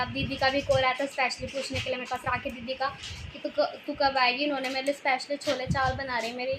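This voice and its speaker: Young woman, high voice, chatty vlogger, teasing, noisy recording. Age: young adult. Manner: talkative, laughs often, teasing. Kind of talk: casual chatty vlog. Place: at family home, outside.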